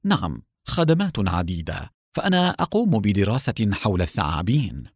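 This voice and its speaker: Brief: a cool, taunting male secret agent, low and lively, sarcastic, read by a male narrator. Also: fairly quick, breathy edge, dry recording, clean studio sound. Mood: calm mocking. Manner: calm, sarcastic.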